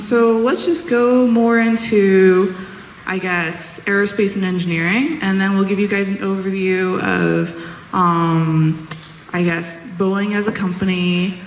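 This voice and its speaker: A woman's voice: medium pitch, a bit bright. A woman in her thirties from the United States gives an informal, upbeat talk to students as a guest engineer, speaking casually. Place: large room or hall, talk to an audience. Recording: roomy echoing hall, faint background noise.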